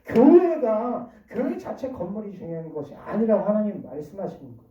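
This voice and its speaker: Lively preacher, echoey and distant. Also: medium pitch, fairly quick. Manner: lively, questioning the listeners, dramatic swings in loudness. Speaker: preacher to a children's Sunday school. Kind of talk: children's sermon. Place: church hall. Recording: distant, dull, echoey church recording.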